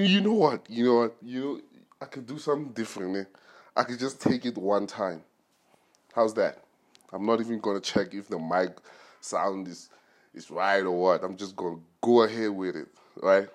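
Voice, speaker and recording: A man hosting a solo podcast, talking casually in a rambling, joking way with plenty of slang. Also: mid-range voice. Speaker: podcast host.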